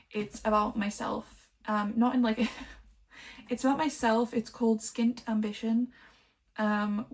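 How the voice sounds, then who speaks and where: A woman from Liverpool talks through her book collection in a loose, wandering way, forever circling back with "um" and "like". Her voice sits a little high and carries a strong gravelly fry. The talk is relaxed and unscripted. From Liverpool, England. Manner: rambling, chatty, lots of "like" and "um". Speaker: book vlogger. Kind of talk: casual chat about books.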